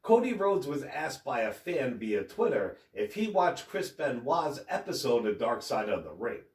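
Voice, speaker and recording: A man's voice: medium pitch, sing-song, moderate pace, far from the mic. A man hosting a wrestling news show, reading headlines and quotes in a casual way. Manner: casual, reads quotes in plain voice. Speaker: host. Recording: roomy, off-mic home recording.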